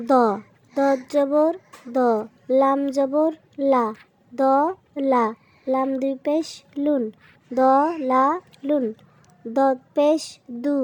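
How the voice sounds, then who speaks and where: A woman's voice: sits high, darkish tone. A woman teaching Quran reading to children in a voice-over lesson, patiently spelling out each syllable and repeating it. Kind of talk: slow spelling-drill lesson narration.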